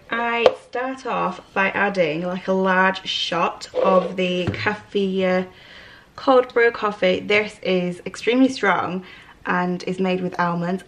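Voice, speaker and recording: A woman's voice: mid-range voice, fairly bright tone. A young British woman in her twenties chatting casually in a home haul vlog, upbeat and rambling with fillers. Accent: British English. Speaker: vlogger. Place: home living room, indoors.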